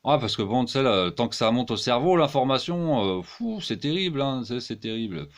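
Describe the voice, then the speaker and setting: A man's voice: mid-range voice, animated, moderate pace. A man delivering a rambling, crude comic monologue as a one-man-show performer, full of exclamations.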